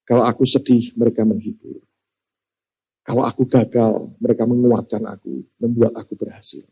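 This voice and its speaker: A man voicing an earnest young woman giving a calm, solemn eulogy. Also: mid-range voice, vocal fry, husky, dull audio, voice pushed down. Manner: measured, solemn, reflective speech.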